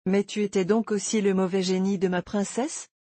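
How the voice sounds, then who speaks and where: A woman reads a dying young man in an audiobook, bitter and reproachful. The tone is warm and slightly breathy, recorded dry and close. He pushes his complaints as indignant questions. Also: mid-range voice, level tone, moderate pace, no room sound, lightly acted. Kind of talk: audiobook character reading.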